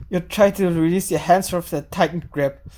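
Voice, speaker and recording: Low-voiced woman reading a game story. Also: normal speed, mellow. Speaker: game narrator, reading aloud. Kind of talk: reading a visual novel aloud.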